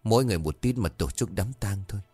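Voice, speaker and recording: A stern village father who lays down the law bluntly and protectively, voiced by a man. His voice is low and close, over faint music. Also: animated, fast, mellow, breathy edge, dry recording. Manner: firm, scolding.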